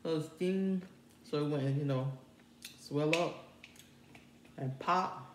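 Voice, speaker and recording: A young woman with a low voice talks casually to camera as she eats, chewing noisily between unhurried remarks. She is picked up from across the table in an echoey small room, with noticeable noise behind her. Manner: chewing noisily, talking while eating. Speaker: mukbang host. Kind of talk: casual eating-show chat. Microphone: phone or camera across the table.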